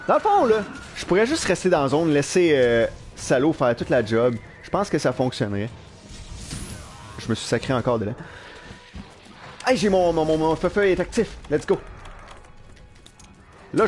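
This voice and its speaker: Animated Quebec French man streaming. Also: fairly high pitch, normal speed, long pauses, soft background music. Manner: animated, self-mocking, swears casually. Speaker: live streamer. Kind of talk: live gameplay commentary. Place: at work.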